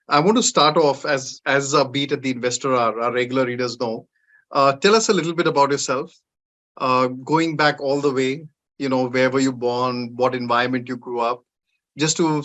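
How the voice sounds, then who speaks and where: A man hosting a podcast, asking questions in a relaxed, conversational way with frequent fillers. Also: mid-range voice. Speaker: podcast host. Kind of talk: interview conversation.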